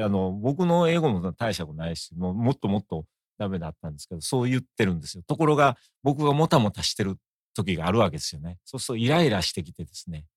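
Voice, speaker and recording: A middle-aged man with an Osaka accent, a guest in a conversational interview, talking in a measured, reflective way. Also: lowish voice, no room sound, studio quality. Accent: Osaka Japanese.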